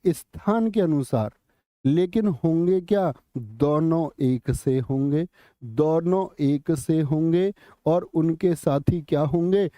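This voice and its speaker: A man teaching an exam-prep class online, quizzing students with repeated questions and slowly chanting lines of poetry. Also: fairly high pitch, dark tone, no echo, clean studio sound. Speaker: Hindi teacher.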